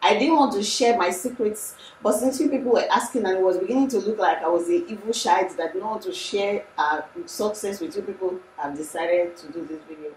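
A woman's voice: medium pitch, fairly quick, few pauses, roomy sound, far from the mic, a little hiss or hum, poor audio. A young Nigerian woman talking casually and emphatically to camera in a room, as a lifestyle vlogger. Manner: chatty, animated, emphatic. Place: room indoors.

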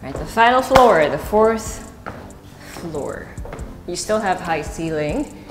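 Speaking slowly in a fairly low voice with lively intonation, a woman with a Filipino accent shows viewers around a house, chatting as she walks through empty rooms and up a stairwell indoors. It's a casual, unscripted guided tour with Tagalog asides. The sound comes from a wireless body mic, pack at her waist, and it's echoey from the bare rooms, with music beneath.

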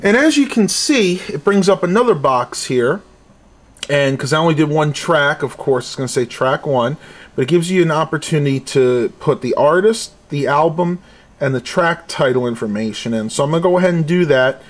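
This product reviewer's voice sits on the high side, lively in intonation and moderate in pace. He's doing a casual hands-on tech demo in a small furnished room at home, speaking into the built-in mic of a handheld camera he holds himself.

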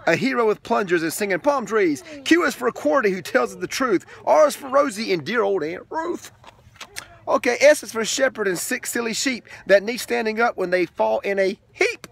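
A father in his thirties, with a high, gravelly voice at a moderate pace, reads a picture book aloud to his young son in the back of a minivan. He tells the story playfully and with animation, dropping in asides to the child.

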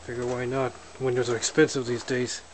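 A man narrates a casual walkaround of his snowmobile in a garage or shed with windows, filming on a handheld camera he holds himself. He's relaxed and matter-of-fact, with a medium-pitched voice and a fairly quick pace, and the audio is noisy.

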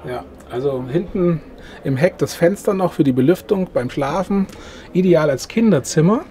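Middle-aged sales guy showing off a camper, mellow kinda high voice, lots of ähms. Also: expressive, moderate pace, a little hiss or hum. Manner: pitching, filler-heavy with frequent ähm. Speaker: sales manager of a camper maker. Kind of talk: product walkthrough. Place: inside a camper van at an indoor trade fair.

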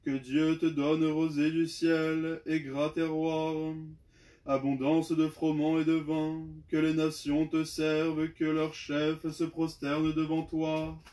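Old father blessing his son, read by a man in a monotone, unhurried scripture voice. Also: a little high. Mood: solemn. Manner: flat, measured liturgical reading. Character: old blind father giving a solemn blessing.

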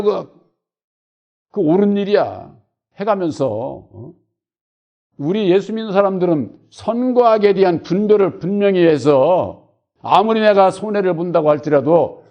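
A male pastor preaching a sermon, stressing points hard, then repeating them quietly, with frequent rhetorical questions. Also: fairly high pitch, highs cut off. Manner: emphatic repetition with rhetorical questions; swings between loud stress and quiet trailing repeats. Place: church.

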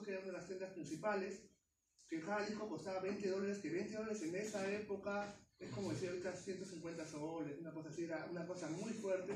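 A man's voice: sits high, darkish tone, slight background noise. A middle-aged man speaking as a guest to a class, explaining things with fillers and self-corrections. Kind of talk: informal classroom talk. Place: university classroom. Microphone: far camera phone. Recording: echoey classroom from far off.

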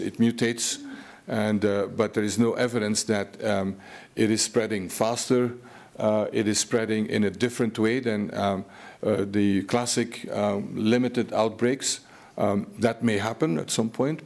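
Low-voiced man answering on a panel. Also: darkish tone. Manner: hesitant, many fillers and restarts. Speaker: panelist, virus researcher. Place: large conference hall on stage. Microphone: headset mic.

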